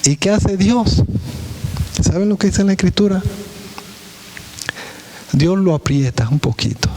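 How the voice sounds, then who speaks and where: A man's voice: lively intonation, a little slow, mellow, slight background noise, rough recording. Emphatic man preaching a sermon. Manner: preaching with rhetorical questions to the congregation; emphatic, pitch dropping on key words. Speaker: pastor. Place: church.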